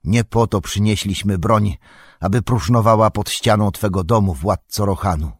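Male narrator doing a resolute warrior, firm, low and husky, dry read. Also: moderate pace, no room sound. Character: loyal ranger warrior, resolute man.

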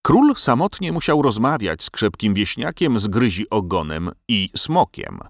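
A man narrating a storybook tale as an audiobook, in an expressive storytelling manner. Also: on the low side, measured pace, gravelly, dry recording, studio quality.

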